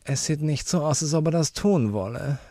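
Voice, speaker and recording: A man voicing a prim, prissy widow lady in a high, affected, preachy voice in a storybook reading. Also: expressive, normal speed, dark tone, no room sound, clean studio sound.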